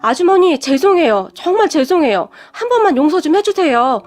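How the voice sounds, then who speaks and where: A woman's voice: high-pitched, sing-song, quick pace, pitched above the performer's own voice. Woman doing a desperate pleading young woman. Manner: pleading, urgent.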